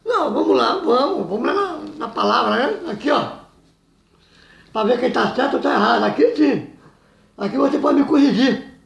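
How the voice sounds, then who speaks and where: A man preaching loudly and emphatically in a very high, gravelly voice. He laughs often between his points. The sound is roomy and echoing. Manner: loud and emphatic, says he always talks loud; laughs between phrases, says "meu irmão" often. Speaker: evangelical preacher. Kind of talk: informal sermon.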